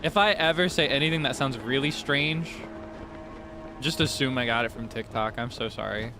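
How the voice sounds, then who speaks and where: A man's voice: mid-range voice, moderate pace, noisy background. A man livestreaming a game, chatting casually and playfully with his viewers. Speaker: livestreamer, VTuber. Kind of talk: casual gaming livestream chat. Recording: music behind the voice. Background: game music.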